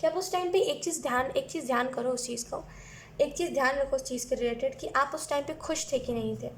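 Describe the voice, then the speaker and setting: High-voiced chatty woman reading tarot. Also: brisk, a little hiss or hum. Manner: chatty, mixing Hindi with English phrases. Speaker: tarot reader. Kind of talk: casual tarot reading to camera.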